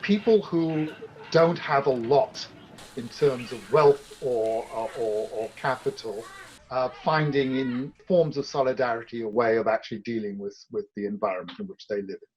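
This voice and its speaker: A man giving a documentary interview, talking in a measured, reflective way that hedges as he thinks. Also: medium pitch, a little mellow. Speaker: commentator on society and history.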